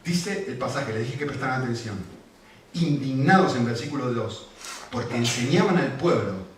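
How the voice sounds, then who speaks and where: A man preaching a sermon as pastor, animated and full of rhetorical questions, then soft when he tells personal stories. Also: mid-range voice, moderate pace. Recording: echoey hall, distant mic, faint noise.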